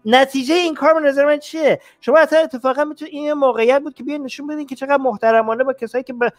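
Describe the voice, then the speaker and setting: A man's voice: very high voice, steady tone. A male host on a live stream, arguing with rhetorical questions and taking callers.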